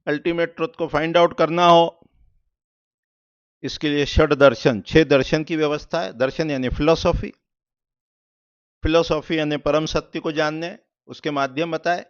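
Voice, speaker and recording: Guy teaching a class, kinda higher voice, clear and smooth, muffled lo-fi sound, answers his own questions. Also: fairly even intonation, a little slow, pauses often. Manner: explains step by step, asks and answers own questions. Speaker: vastu teacher. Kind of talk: explanatory lecture. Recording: muffled lo-fi recording.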